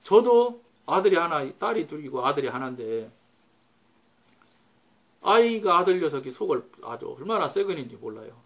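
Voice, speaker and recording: 설교하며 자기 경험을 이야기하는 중년 남성 목사로, 목소리를 크게 높였다가 갑자기 낮추며 말한다. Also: male voice, on the high side, big pitch swings, normal speed. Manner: storytelling with sudden loud and soft swings. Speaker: pastor. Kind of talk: sermon.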